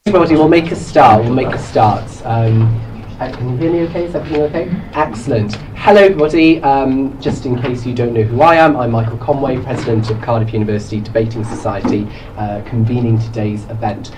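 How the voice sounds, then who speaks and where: A man's voice: medium pitch, quick pace. A young man, the president of a student debating society, opens a debate event in a chatty way with many filler sounds. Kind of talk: opening remarks at a debate event. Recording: distant mic with faint room noise.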